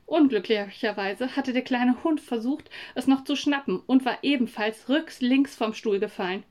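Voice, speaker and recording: A woman reads a children's story aloud in a calm, even way. Her voice sits fairly high, and the telling is steady and clear. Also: moderate pace. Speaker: narrator. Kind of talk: storybook reading.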